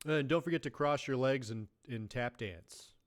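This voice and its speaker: Animated joking male streamer. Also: medium pitch. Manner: joking, throws in playful Spanish phrases. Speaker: live streamer. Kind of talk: casual live-stream chat.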